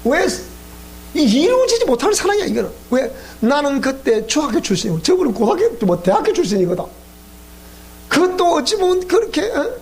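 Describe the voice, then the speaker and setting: A man's voice: very high-pitched, a little fast. A man with a Gyeongsang accent, a pastor giving a sermon lecture, telling stories with animation and asking his listeners questions. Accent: Gyeongsang Korean. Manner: animated storytelling, questioning the audience. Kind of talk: sermon lecture at a Bible school.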